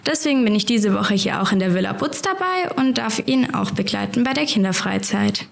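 A nineteen-year-old woman with a gravelly, fry-tinged voice talks through her answers in a chatty, detailed way. She works as a carer on a holiday program and is being interviewed, and her voice sits at an ordinary pitch. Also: expressive, a little fast.

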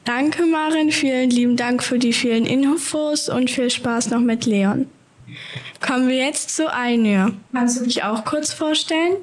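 A woman's voice: high voice, a little slow. A woman interviewing carers, asking short, polite questions.

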